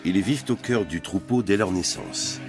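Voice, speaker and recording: Deep-voiced man narrating a nature documentary. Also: normal speed. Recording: music bed under narration. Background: music.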